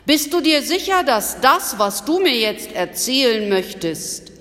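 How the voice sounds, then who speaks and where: A woman reading the lines of a wise old Greek philosopher who asks calm, probing questions. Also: high voice, a little slow, in a large hall, voice pushed up, full character voice. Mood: calm questioning.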